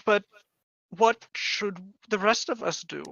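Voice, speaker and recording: A man narrating an improvised tabletop role-playing game as game master, with halting pauses. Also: high-pitched, creaky, pushed and bright, no room sound, highs cut off.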